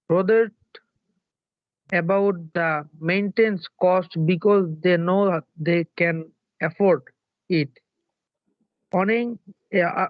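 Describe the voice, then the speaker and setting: A man with a Bangladeshi accent reading an article aloud in an online class, halting and polite. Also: high voice, clean tone, no echo. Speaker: student. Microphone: online call. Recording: dry, dull online call audio.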